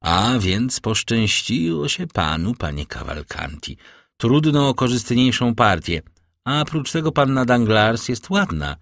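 A man reading an audiobook, voicing a calm, worldly count who speaks with measured irony. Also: mid-range voice, gravelly, dry recording, studio quality, full character voice. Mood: ironic. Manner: cool, measured, ironic. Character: calm, ironic, worldly older nobleman count.

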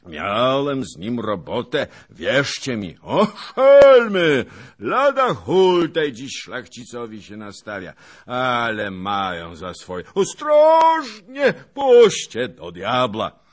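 A man voicing a boastful old nobleman who crows and shouts in triumph, in a storybook reading. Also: medium pitch, sing-song, slow, pitched above the performer's own voice. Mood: crowing. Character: boastful old nobleman, red and sweaty, crowing.

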